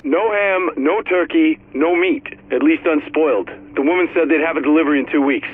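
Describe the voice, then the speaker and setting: An actor playing an upbeat parent who coaxes and jokes about Christmas dinner. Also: male voice, a little high, a little fast, close to an everyday voice. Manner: coaxing, joking. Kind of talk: game audio log. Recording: tinny phone-like recording.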